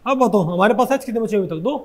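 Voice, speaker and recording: A man teaches a chemistry class in a fairly high voice. He talks his students through each step by asking them questions, and he catches and corrects his own slips as he goes. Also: expressive, fast talker, a little hiss or hum. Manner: keeps asking students questions, often says "bhai"; corrects himself mid-sentence. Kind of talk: Hindi classroom lecture.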